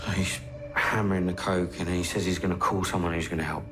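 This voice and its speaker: An actor playing a guarded young male drug dealer in a police interview, speaking flatly. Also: low voice, a little fast, faint music behind, close to an everyday voice. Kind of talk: TV crime drama acting.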